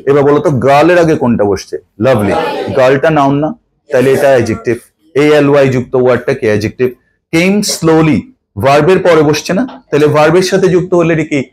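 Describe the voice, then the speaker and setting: A man's voice: a little high, fast talker, darkish tone, poor audio. A man teaching an English grammar lesson to a class. He keeps asking the students questions and mixes Bangla with English.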